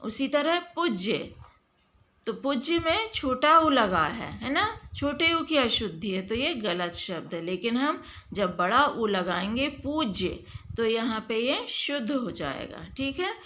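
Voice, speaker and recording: A woman teacher giving a spelling lesson, slowly stretching out words and asking her pupils questions. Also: fairly high pitch, sing-song, bright, forceful tone.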